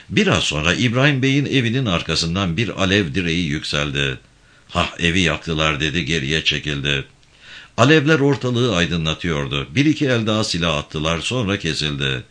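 A man reading a novel aloud, expressive and raising his voice for the characters' lines. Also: sits low. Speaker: audiobook reader. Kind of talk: read-aloud novel narration.

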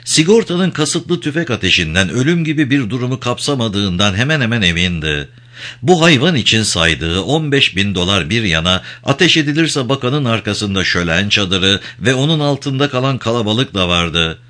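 A man reading a novel aloud as audiobook narration, with expressive delivery. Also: lowish voice, normal speed. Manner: expressive reading with dramatic quotes. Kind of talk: scripted storybook narration.

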